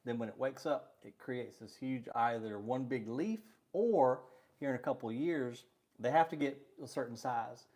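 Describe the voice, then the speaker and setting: A man's voice: mid-range voice, normal speed, a little mellow. A middle-aged man co-hosting a live stream, chatting casually and rambling with easy laughter. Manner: easygoing, rambling, laughs often.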